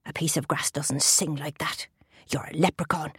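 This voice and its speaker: A woman's voice: low voice, steady tone, fairly bright tone, breathy edge, no echo, clean studio sound, pitched below the performer's own voice, heavily acted. Stubborn little girl, as a woman puts her on. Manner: firm, insistent, slow and deliberate.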